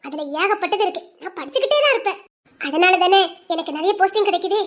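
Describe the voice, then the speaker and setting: A woman with a Tirunelveli Tamil accent voicing a chatty, quick-witted young village woman in a dramatized story. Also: extremely high pitch, expressive. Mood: teasing. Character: sharp-tongued, studious young village woman.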